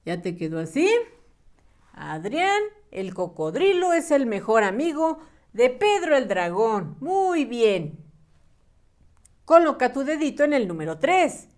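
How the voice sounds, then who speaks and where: A woman teaching young children to read and write, patient and clear, drawing out her words in a sing-song way. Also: a little high, very animated, slow pace, long pauses, darkish tone. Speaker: primary school teacher. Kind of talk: slow, clear early-reading lesson for small children.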